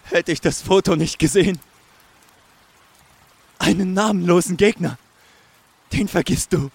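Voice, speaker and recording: An actor playing a haunted, guilt-ridden army doctor, narrating his own memories in a brooding, slow audio drama monologue. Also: sits high, gravelly, slightly rough, exaggerated voice. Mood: pleading. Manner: brooding, slow inner monologue, breaking into desperate pleading. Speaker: army doctor in a hospital train.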